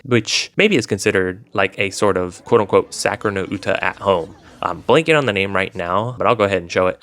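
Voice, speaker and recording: A YouTube host talks about visual novels in a deep, slightly bright voice. He rambles informally and leans heavily on filler words.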